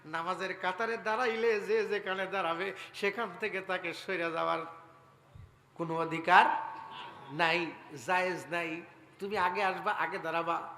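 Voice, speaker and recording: A man preaching a storytelling sermon. He swings dramatically between soft narration and loud cries, and breaks into chanted verses. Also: sits high, fairly even intonation, moderate pace, pauses often, a little hiss or hum. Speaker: Islamic preacher. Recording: echoey public-address sound in a large venue.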